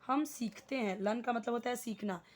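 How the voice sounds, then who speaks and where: A woman teaching grammar, explaining in Hindi and reading examples slowly and deliberately. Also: fairly high pitch. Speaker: English teacher. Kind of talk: slow classroom explanation.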